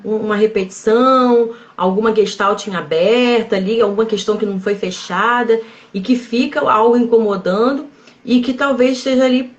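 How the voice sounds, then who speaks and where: A woman psychologist explaining calmly in a live-stream conversation, measured and often checking in with tag questions. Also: on the high side, muffled recording. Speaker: psychologist guest.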